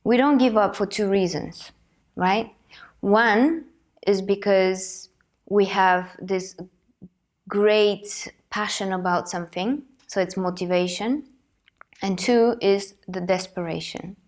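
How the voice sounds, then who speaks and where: Fighting a cold, a woman from Bulgaria in her thirties takes her time as she hosts a personal motivational talk. Her mid-range voice sounds earnest and reflective, as if she's working through her thoughts aloud.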